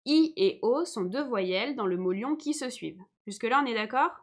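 A woman's voice: a little high, lively intonation, moderate pace. A young woman teacher giving a live online lesson, explaining patiently and often checking that her viewers follow.

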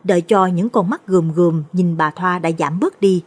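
A woman narrating a late-night Buddhist ghost story in a steady, measured way. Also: fairly low pitch.

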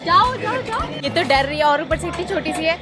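A woman's voice: extremely high pitch, lively intonation, fairly quick, a loud crowd. A young woman vlogger chatting playfully while pretending to be a mom for a day, fussing over a little girl. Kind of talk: casual vlog chat. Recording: loud background music.

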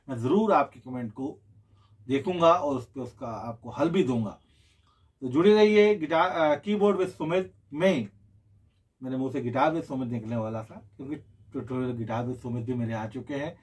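A man's voice: on the high side, breathy edge. A man explaining keyboard scales in a patient, casual tutorial, counting the steps out aloud. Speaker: keyboard teacher.

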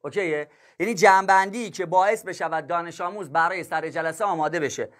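A man with a slightly higher-than-usual voice, talking as a math teacher on a casual livestream. He chats loosely with his students, cracks jokes and laughs easily, and keeps calling them kids and dear ones. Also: fairly bright tone. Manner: chatty, jokes and laughs with viewers.

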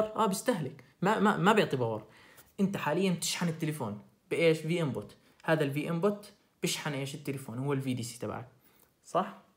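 A young adult man with a Jordanian Arabic accent and a slightly high voice tutors students through a recorded lecture. He repeats the key points, asking quick questions and answering them himself.

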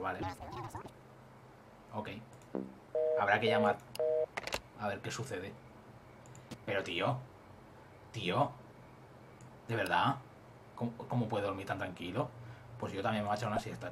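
A young man with an accent from Spain giving casual, joking gameplay commentary and swearing freely. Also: on the low side. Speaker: let's play host.

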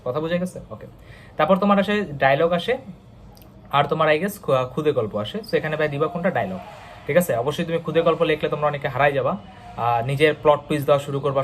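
A young man with a Bangladeshi Bengali accent who rattles through a casual exam-prep lesson at a quick clip. His voice sits a little high, and he keeps a chatty big-brother tone with constant check-ins. A faint hum of ambience sits behind him. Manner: chatty, big-brother tone, calls himself bhaiya; fast, frequent "okay?" check-ins. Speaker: online tutor.

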